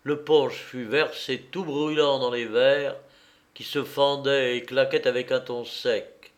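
A man reading a literary story aloud in a slow, measured, expressive way. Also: medium pitch. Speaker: audiobook reader. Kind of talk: literary narration.

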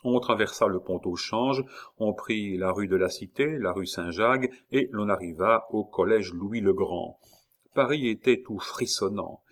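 A man reading a historical novel aloud in a measured, dramatic narration. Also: on the low side. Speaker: audiobook narrator. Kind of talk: scripted narration.

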